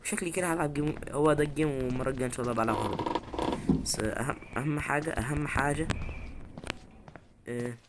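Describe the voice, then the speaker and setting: A man's voice: mid-range voice, racing, long pauses, very noisy. A man with an Egyptian Arabic accent giving jittery horror game commentary, muttering prayers and letting out sudden scared yelps. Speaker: gaming YouTuber.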